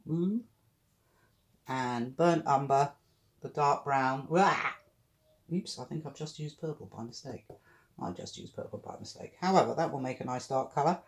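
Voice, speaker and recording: A British art club tutor giving a relaxed acrylic painting demonstration, thinking aloud with chatty, cheerful asides. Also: medium pitch.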